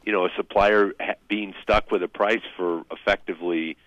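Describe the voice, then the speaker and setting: A low-voiced man calls in to a radio show over a dull, dry phone line. He speaks haltingly, with many pauses and restarts. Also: fairly even intonation, a bit bright, dry recording. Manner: hesitant, halting. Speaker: radio caller. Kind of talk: casual call-in talk.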